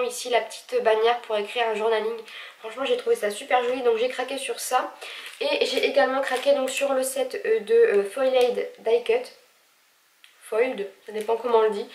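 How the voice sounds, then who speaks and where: A woman's voice: a little high, reverberant, distant mic, a little hiss or hum. Chatty woman with a stuffy nose. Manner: chatty, many hesitations, gushing. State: stuffy nose, speaking with effort. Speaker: vlogger. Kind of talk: casual haul video.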